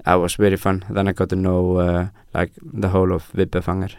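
A man's voice: low-pitched, monotone, a little fast, a little mellow, clean tone, dry recording, clean studio sound. A young Icelandic man whose first language is Icelandic, speaking as a musician guest in a casual interview, hesitant with many fillers and restarts.

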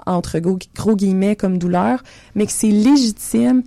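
Gravelly-voiced Québécoise podcast host. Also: female voice, medium pitch, unhurried, dark tone, no echo. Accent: Québécois French. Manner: casual, earnest questioning. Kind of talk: conversational interview.

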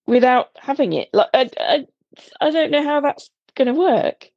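A woman's voice: high voice, moderate pace, dry recording, muffled recording. A woman co-hosting a casual tech podcast, asking lots of questions. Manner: questioning, chatty. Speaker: podcast co-host.

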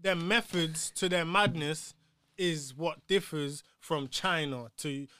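A young man with a high voice and a London roadman accent. He argues his points emphatically and repetitively in casual slang, with some swearing. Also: fairly even intonation, slow, bright, forceful tone, smooth. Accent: London roadman, multicultural London English. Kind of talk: casual, opinionated group chat with slang and swearing.

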